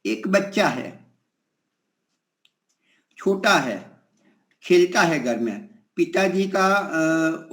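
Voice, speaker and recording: A man in his sixties giving a slow, reflective spiritual discourse, telling stories with pauses and fillers. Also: on the high side, reverberant. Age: 60s. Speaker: spiritual teacher.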